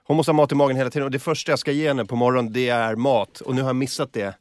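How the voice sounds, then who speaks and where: A man's voice: mid-range voice, fairly even intonation, no echo. A man on a radio show, flustered and apologetic, over-explaining in casual studio banter. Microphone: studio microphone.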